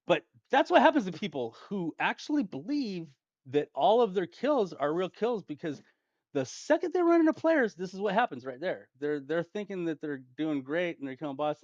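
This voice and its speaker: A man's voice: fairly high pitch, no room sound. Male gaming host, casual rambling storyteller, dull lo-fi home mic. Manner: rambling, restarts often, chuckles while telling.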